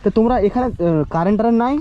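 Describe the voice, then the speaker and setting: A man's voice: sits high, very fast, highs cut off, slight background noise. A man vlogging from a village, asking poor children question after question, his voice pleading and often breaking with tears. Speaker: vlogger visiting a poor family. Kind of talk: emotional on-the-spot questioning.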